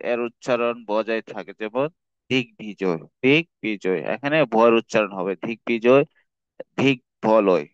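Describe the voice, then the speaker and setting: A man tutoring a grammar lesson, reading rules aloud and slowly repeating each example word. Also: medium pitch, clear, resonant tone, no room sound, highs cut off. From Bangladesh.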